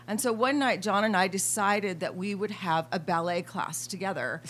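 A woman's voice: mid-range voice, normal speed. A woman, a former dancer, telling funny stories in a casual chat with friends, laughing as she goes. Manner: animated, laughing through anecdotes. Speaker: friend sharing memories.

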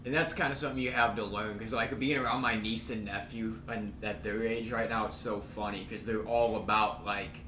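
Male podcast co-host, mid-pitched, easygoing and reflective, echoey room with faint noise. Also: steady tone, fairly quick, hardly any pauses. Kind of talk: casual podcast chat.

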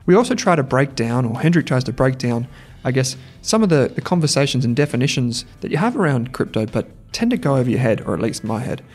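A man's voice: medium pitch, big pitch swings, quick pace, darkish tone, soft background music. Chatty man hosting a podcast. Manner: casual, chatty with filler restarts. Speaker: podcast host. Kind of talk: podcast interview.

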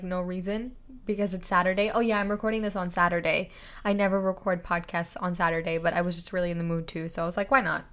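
A woman's voice: medium pitch, fairly bright tone. A young woman hosting a casual solo podcast, chatty and giggly, stumbling over words as she reads out questions. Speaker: podcast host.

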